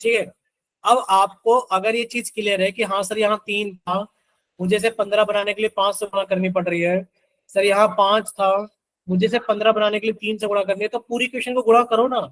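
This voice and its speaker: A man with a high voice teaches math live, walking through each step and chanting the times tables as he goes. He keeps prodding the class to answer him. The sound is dry and close. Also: level tone, a little fast, a bit bright, no room sound, low-quality recording. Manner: coaxing, repeatedly asks students to answer; works sums aloud with Hindi multiplication-table chants.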